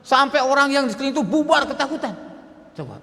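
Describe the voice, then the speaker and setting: Animated preacher in an echoing mosque. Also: male voice, very high voice, quick pace, gravelly. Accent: Indonesian. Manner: dramatic storytelling, acting out dialogue. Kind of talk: mosque sermon story. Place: mosque hall. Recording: long hall reverb in mosque.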